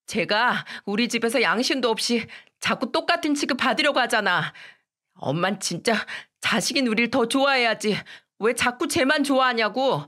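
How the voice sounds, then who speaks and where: A woman's voice: fairly high pitch, animated, moderate pace, pushed and bright, pitched above the performer's own voice. A lady doing a bratty little boy, mean and sulky, voice jumping up and down a lot. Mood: defiant. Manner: taunting, bossy and sulky. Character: spiteful young boy, bullying his cousin.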